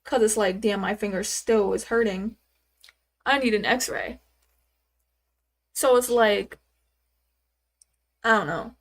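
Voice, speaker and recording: A woman's voice: mid-range voice, slow pace, pauses often. A woman in her twenties chatting casually on a live stream, rambling and answering viewers' questions with lots of fillers. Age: 20s. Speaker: livestreamer.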